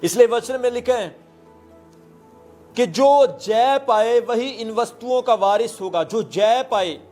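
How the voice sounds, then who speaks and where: Male pastor, high voice, sermon with hallelujahs and story examples, light music bed. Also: slow pace, darkish tone. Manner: preaching with repeated hallelujahs and stories; mixes English words into his preaching.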